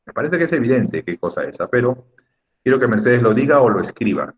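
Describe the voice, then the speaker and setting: Male teacher on a lo-fi video call, animated delivery, patient and lightly teasing with students. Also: mid-range voice, quick pace. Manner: patient, drawing out words to stress syllables. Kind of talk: online class instruction. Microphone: computer mic on a video call. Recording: muffled lo-fi video call audio.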